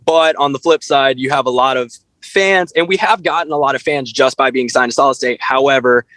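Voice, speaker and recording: A band frontman appears as a guest in a casual podcast interview, speaking bluntly and candidly, swearing freely and saying "like" constantly. His mid-range voice is brisk with a sharp tone, and the recording is dry.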